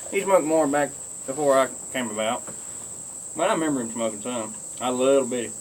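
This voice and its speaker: A man's voice: mid-range voice, a little fast, slight background noise, rough recording. A man with a rural Kentucky Southern accent, chatting casually and folksily to viewers in a rambling way while smoking a pipe. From Kentucky, United States. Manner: folksy, drawling country speech. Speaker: pipe-smoking video blogger.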